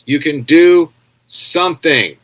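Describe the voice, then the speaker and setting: A man riffing on video clips in a loose, crude commentary. His voice sits a little high for a man, and his talk wanders, sarcastic and profane, with a habit of tagging sentences with "yeah?". He sounds like a regular host talking straight to his audience. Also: slow pace. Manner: crude, rambling, sarcastic, frequent "yeah?" tags.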